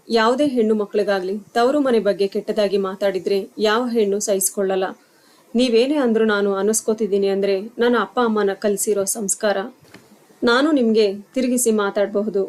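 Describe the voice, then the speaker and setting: A woman's voice: medium pitch, a little mellow, lightly acted. A woman voicing a hurt but dignified young daughter-in-law who pleads earnestly in a storybook tale.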